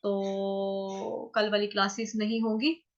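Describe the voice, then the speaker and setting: A woman's voice: medium pitch, level tone, slow pace, muffled recording, faint music behind. A woman teaching an online chanting class, breaking verses into syllables and repeating each word many times. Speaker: Sanskrit recitation teacher.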